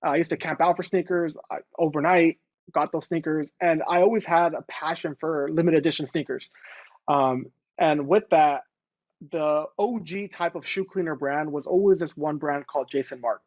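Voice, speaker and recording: A man in his late twenties, a guest on a casual video interview, talking in a relaxed way with many fillers. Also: on the high side, moderate pace, dry recording, muffled recording. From Los Angeles. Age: 20s. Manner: relaxed, fillers like "going ahead". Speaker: guest entrepreneur.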